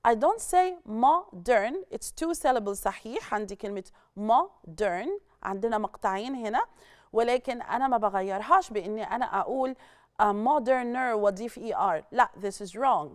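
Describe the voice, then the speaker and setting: Lively Egyptian woman teaching English. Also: mid-range voice, fairly quick, no echo, clean studio sound. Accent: Egyptian Arabic. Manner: explains in Arabic, then switches to English examples; lively, questioning, checks in with students. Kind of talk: recorded classroom lesson.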